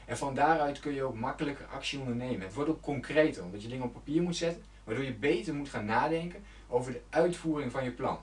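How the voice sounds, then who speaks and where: A man's voice: medium pitch, fast, few pauses, far from the mic. Man coaching in a roomy space. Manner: earnest, coaching, addresses the viewer directly; loose and conversational, with fillers and self-corrections. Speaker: self-help coach. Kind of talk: motivational talk to camera.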